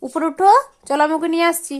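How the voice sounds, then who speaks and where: High-voiced woman cooing baby talk. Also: steady tone, quick pace, darkish tone. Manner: sing-song, questioning, playful scolding. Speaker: mother talking to her toddler. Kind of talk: baby talk, coaxing a small child.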